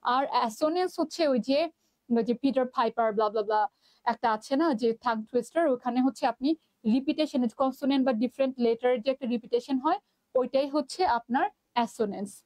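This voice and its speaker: High-voiced Bangladeshi woman teaching live. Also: moderate pace, a little mellow, dry recording. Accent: Bangladeshi Bengali. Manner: chatty, mixes English terms, reads out student comments. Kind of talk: live online class.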